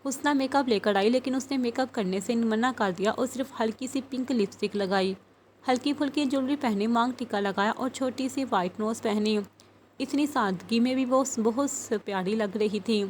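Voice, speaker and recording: A woman with a somewhat high voice narrates a novel for an audiobook. She reads all the characters' dialogue in her own voice rather than putting on new ones. A faint hiss sits under the recording.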